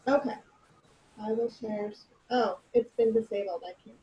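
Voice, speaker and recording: A woman's voice: fairly high pitch, steady tone, normal speed, mellow. A woman joining a board meeting remotely over a video call, her voice muffled as if heard through a wall. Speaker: staff presenter joining remotely. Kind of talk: public agency board meeting report. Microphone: video call played into the room.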